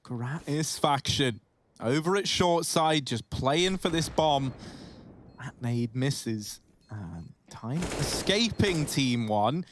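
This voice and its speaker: A man working as an esports caster, giving excited play-by-play commentary with an emphatic delivery. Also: medium pitch, slow pace, a little hiss or hum. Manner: rising, emphatic delivery at key moments.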